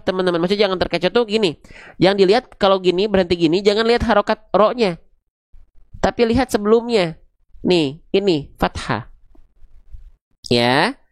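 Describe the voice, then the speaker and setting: A Quran recitation teacher leading an online class, explaining patiently, going slowly and checking often that learners follow. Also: mid-range voice, no echo, studio quality. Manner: patient, repeats slowly, demonstrates sounds. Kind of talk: live online class with a whiteboard.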